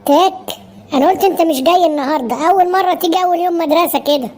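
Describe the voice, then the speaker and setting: A woman voicing a cheerful, excitable schoolboy classmate in a cartoon, chummy in an Egyptian Arabic accent. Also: very high voice, rapid-fire. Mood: excited. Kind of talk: cartoon voice acting.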